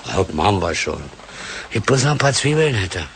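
A man playing a seasoned older army cook in a war radio play, unhurried and dry. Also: lowish voice, big pitch swings, slight background noise. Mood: easygoing, dry.

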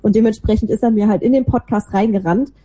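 Interviewed as a guest, a woman who is a podcaster and runs a small creative agency chats casually and self-deprecatingly about her life and work. Her voice is fairly high-pitched and warm, with a steady tone and a fast pace.

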